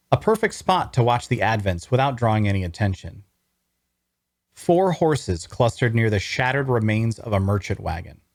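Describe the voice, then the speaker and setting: At a table read, a voice actor plays a wry young traveler, narrating his fantasy adventure in the first person with measured drama. His voice is on the low side, and the recording is dry and studio quality.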